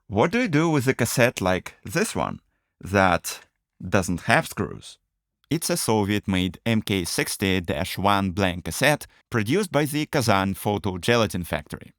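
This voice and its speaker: A fairly low-voiced man narrates a scripted how-to video, walking through it methodically step by step with very animated, varied intonation. The audio is studio quality with no room sound.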